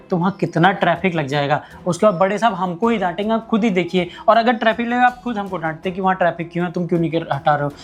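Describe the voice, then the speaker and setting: A man plays a humble, poorly paid security guard in a low-budget short film. He pleads fast in a high voice, always explaining himself. Faint music plays underneath. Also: close to an everyday voice. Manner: pleading, complaining, submissive. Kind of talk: amateur short-film acting.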